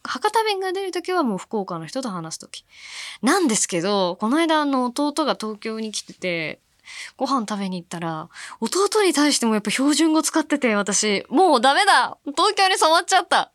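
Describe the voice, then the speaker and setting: Higher-voiced woman hosting a radio talk show. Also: big pitch swings, normal speed, no room sound, studio quality. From Fukuoka, Japan. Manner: chatty, musing, soft-spoken asides. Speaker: radio host. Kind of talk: casual radio talk, reading listener mail.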